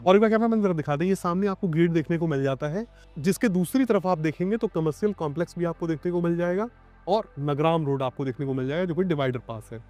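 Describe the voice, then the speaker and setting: A man's voice: fairly high pitch, fast, a little mellow, muffled recording, faint music behind. A man with a Lucknow Hindi accent hosting an outdoor walkthrough of a property site, explaining to viewers and questioning a guest. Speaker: property video host.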